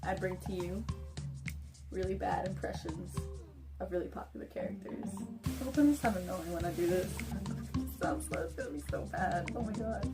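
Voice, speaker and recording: A woman's voice: on the low side, moderate pace, over loud music. A woman vlogger chatting casually about doing impressions. She rambles, giggles and pokes fun at herself. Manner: giggly, self-mocking, rambling.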